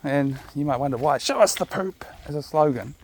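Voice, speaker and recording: Speaking a little fast in a voice on the high side, a New Zealand man walks his dog on outdoor park trails, with slight background noise in the audio. He chats casually to viewers through a chest-mounted camera in a laid-back, rambling monologue full of jokey asides.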